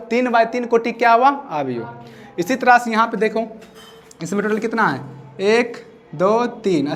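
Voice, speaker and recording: A man teaching a maths class, repeating his questions so students answer back. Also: sits high. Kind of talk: classroom lecture.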